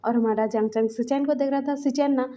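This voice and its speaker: A woman's voice: high voice, steady tone, a little fast, mellow. A woman narrating a fan fiction story in a chatty, rambling storytelling way.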